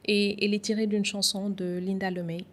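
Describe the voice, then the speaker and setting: A woman from Senegal, a guest on a podcast interview, speaking in a reflective, measured way with some hesitations. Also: medium pitch, level tone.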